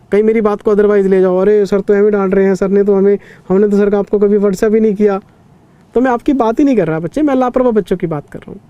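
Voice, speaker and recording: With a high-pitched, mellow voice and no echo, a man in his thirties teaches accounting revision for CA exams. His style is conversational lecturing, strict but caring toward his students.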